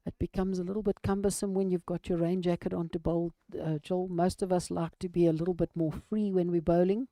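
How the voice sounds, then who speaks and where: A woman giving live lawn bowls commentary in a measured golf-style manner, describing each shot in short phrases. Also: on the low side, level tone, mellow, no room sound.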